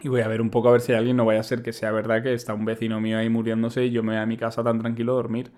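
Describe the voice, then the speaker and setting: Fast-talking young man telling a story. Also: medium pitch. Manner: animated storyteller acting out quotes. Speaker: podcast guest storyteller. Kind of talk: casual chat.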